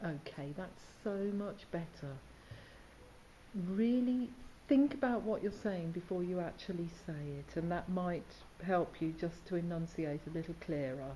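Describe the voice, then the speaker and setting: A woman's voice: lowish voice, dark tone, a little hiss or hum, low-quality recording. A woman teacher instructing students in diction, asking questions and demonstrating sounds. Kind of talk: questioning students and explaining exercises.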